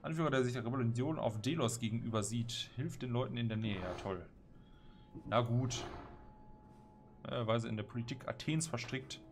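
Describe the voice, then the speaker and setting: Let's player over clear game noise. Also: male voice, mid-range voice, normal speed. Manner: playful, slangy, talking to himself and the game. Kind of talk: casual gameplay commentary. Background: game ambience.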